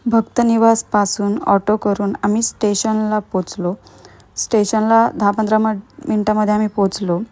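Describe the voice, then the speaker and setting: A woman tells the story of her trip in a voice-over. Her pitch sits in the middle and barely moves, and she delivers it evenly, like a recap. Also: level tone, normal speed, darkish tone. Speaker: vlogger. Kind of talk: voice-over travel narration.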